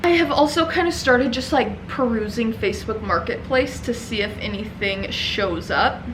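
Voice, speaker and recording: A small business owner who vlogs, this young woman chats to camera in her indoor print shop, breathless, upbeat and often laughing. She speaks at a normal speed in a slightly high voice, against a noisy background.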